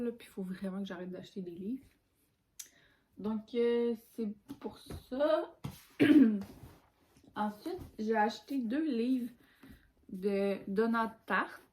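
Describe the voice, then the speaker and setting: A young woman with a Québécois French accent, talking to her viewers as a book vlogger. Her delivery is casual, chatty and informal, with loose, colloquial phrasing, and her voice sits at a middle pitch for a woman. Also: darkish tone, slight background noise. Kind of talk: casual chat about books.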